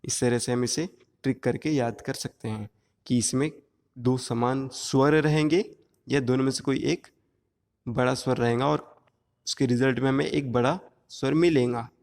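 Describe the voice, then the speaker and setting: A male teacher giving an exam-prep grammar lesson, explaining slowly and drawing out each sound one at a time. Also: medium pitch, steady tone, darkish tone, big-room sound.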